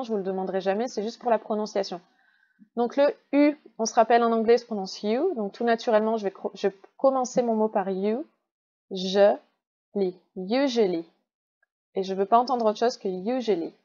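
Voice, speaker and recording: A woman with a French accent teaching English in a recorded online class, patiently explaining step by step and slowing down to model pronunciation. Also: on the high side, dark tone, dull audio.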